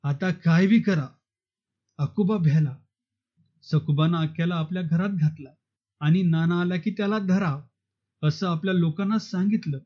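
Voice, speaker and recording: A man reading a novel aloud in a steady storytelling manner. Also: sits high, normal speed, lo-fi sound. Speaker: audiobook narrator.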